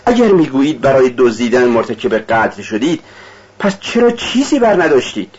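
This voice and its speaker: A man's voice: mid-range voice, very animated, darkish tone, breathy edge, muffled recording. A man reading an audiobook, voicing a timid, devout young woman with a raised, pleading voice. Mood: anguished.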